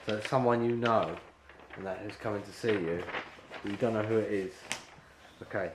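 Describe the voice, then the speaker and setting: A man's voice: fairly low pitch, normal speed, noisy background. A man directing an actor at an audition, rambling and full of fillers as he explains the scene. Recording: echoey room with faint ambience.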